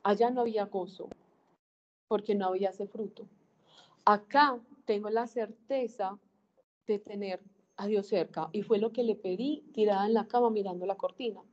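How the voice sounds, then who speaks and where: A woman's voice: medium pitch, steady tone, normal speed, muffled recording. A woman, earnestly sharing a faith testimony to a group. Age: 40s. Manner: earnest, emphatic, acts out dialogue. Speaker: speaker giving a faith testimony.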